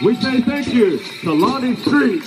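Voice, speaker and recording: Male powwow announcer over loud music. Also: very high voice, animated, a little slow, poor audio. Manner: ceremonial, addresses dancers directly. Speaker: powwow announcer, master of ceremonies. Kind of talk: live event announcing over drumming and singing. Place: large outdoor grass arena, picked up by spectator camera. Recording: outdoor PA behind loud music. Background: loud powwow music, jingling bells.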